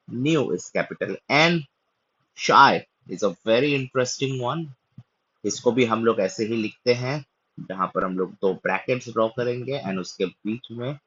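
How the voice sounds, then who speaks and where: A man teaching the Greek alphabet, reciting the letters slowly and carefully and mixing in English. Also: fairly low pitch, a bit bright, slightly rough, no echo, highs cut off. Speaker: Bible language teacher.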